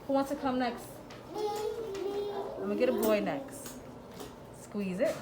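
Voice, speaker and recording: A very animated woman with a high-pitched voice speaks slowly as she guides young children through a hands-on demonstration, repeating short instructions and praising them. Heavy background noise fills the echoey classroom, where a group of children chatters.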